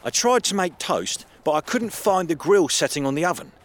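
A man voicing a young male artist on a phone call, talking in an animated, playfully teasing way, his voice raised above his narrating tone. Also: a little high, normal speed, voice pushed up. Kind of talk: audio drama acting.

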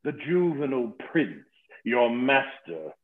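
A man's voice: mid-range voice, very animated, slow. A man playing a boastful, witty old knight, mocking and savoring his insults in a theatrical play reading. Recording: tinny phone-like sound in an echoey room.

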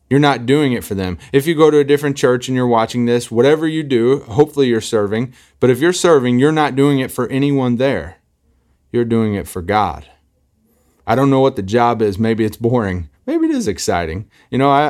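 A man's voice: medium pitch, darkish tone. A man in his thirties preaching a sermon as a pastor, earnestly acting out quoted voices.

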